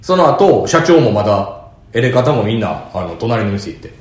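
A young man with a Kansai Japanese accent, chatting casually on a podcast with lively, joking banter and frequent laughs. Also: on the low side, moderate pace. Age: young adult. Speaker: podcast co-host, comedian. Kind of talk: casual chat. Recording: very echoey room.

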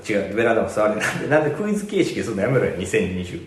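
A man with a lowish voice and a Kansai accent talks at a racing pace in an echoey room, co-hosting a casual chat podcast. He tells animated stories and laughs often.

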